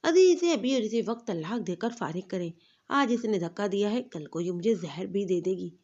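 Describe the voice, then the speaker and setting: A woman voicing a cruel, scheming young wife who taunts and shouts at her rival, in a storybook reading. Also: medium pitch, expressive, dull audio. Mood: angry.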